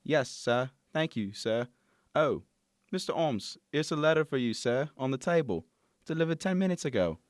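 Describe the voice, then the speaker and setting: A man's voice: mid-range voice, lively intonation, normal speed, no room sound, clean studio sound, close to an everyday voice. A man playing Billy, an earnest young working-class servant boy, deferential and colloquial in a radio drama.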